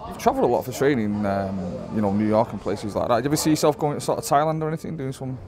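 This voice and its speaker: Fast-talking male sports interviewer, crowd behind. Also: mid-range voice, expressive. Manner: informal, conversational. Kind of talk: casual sports interview questioning. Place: backstage at a large arena. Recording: backstage arena interview with crowd noise.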